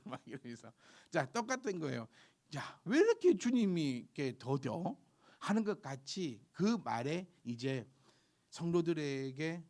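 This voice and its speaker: A man preaching a sermon, emphatic and exhorting, breaking into soft asides. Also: fairly high pitch. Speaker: pastor.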